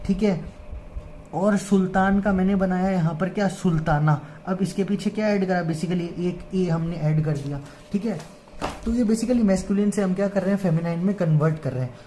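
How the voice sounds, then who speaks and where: Calm woman teaching grammar, mellow voice. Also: fairly low pitch, a little hiss or hum. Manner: patient, repeats "ठीक है" and "है ना" often; reads English lines slowly, word by word. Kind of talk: explaining an English grammar lesson in Hindi.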